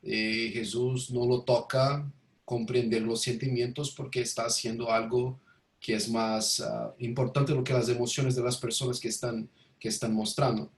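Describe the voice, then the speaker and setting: A man's voice: mid-range voice, little pitch movement, moderate pace, far from the mic. A man speaking non-native Spanish with a Portuguese-influenced accent, hesitantly searching for words as a student in a class discussion. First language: not Spanish. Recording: roomy, echoey voice pickup.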